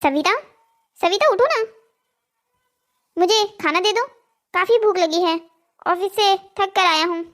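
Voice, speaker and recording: A woman playing a sneaky, guilty husband in a cartoon, very high voice. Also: animated, measured pace, pauses often, fairly bright tone, heavily acted. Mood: weary. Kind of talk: Hindi cartoon voice acting.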